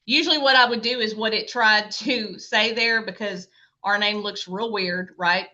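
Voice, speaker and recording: A bright-voiced woman teaches a grammar lecture in a casual, chatty manner, pausing often to check that the class is following. The recording sounds dull and a little lo-fi. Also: mid-range voice. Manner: chatty, checks in with frequent "okay?" and "right?".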